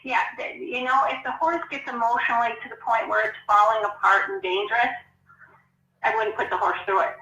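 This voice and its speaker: Bright, frank woman, echoey and distant. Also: on the high side, steady tone, brisk, muffled recording. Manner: frank, chatty, laughs easily. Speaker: guest horse trainer. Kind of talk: casual interview answers.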